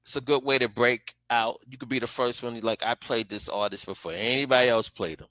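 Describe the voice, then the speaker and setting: A man's voice: mid-range voice, fairly even intonation, brisk, bright, forceful tone, no room sound, rough recording. A middle-aged man in casual conversation, speaking emphatically and repeating his key phrases as an interview guest. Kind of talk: casual chat.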